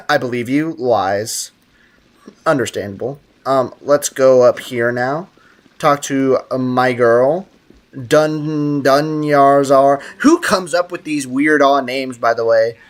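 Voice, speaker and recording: During a casual gaming livestream, this man responds to chat, bantering and ribbing viewers in slangy language. He speaks slowly with a mid-range voice.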